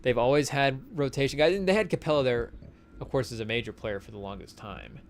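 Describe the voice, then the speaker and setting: A man's voice: medium pitch, brisk, slight background noise. A young man co-hosting a podcast, talking basketball in a loose, rambling way with lots of fillers and asides to a live chat. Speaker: podcast co-host. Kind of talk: casual sports talk to a live chat. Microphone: studio mic on a live stream.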